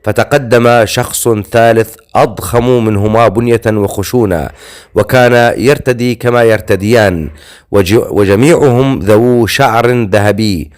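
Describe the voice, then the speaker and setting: Man, audiobook narrator, fantasy horror novel, steady storytelling, occasional slips. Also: lowish voice, a little slow, clear, resonant tone.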